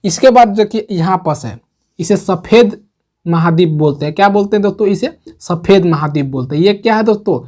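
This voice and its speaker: A man's voice: high-pitched, lively intonation, fairly quick, a little mellow. A man teaching an online geography lesson. He repeats each point, asks questions and answers them himself, and keeps saying "okay, friends" between points.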